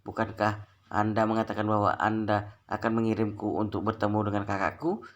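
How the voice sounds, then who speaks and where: A man's voice: lowish voice, completely flat delivery, fairly quick, close to an everyday voice. A man voicing a frightened young rich heir who begs and stammers. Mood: begging. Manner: pleading, stammering.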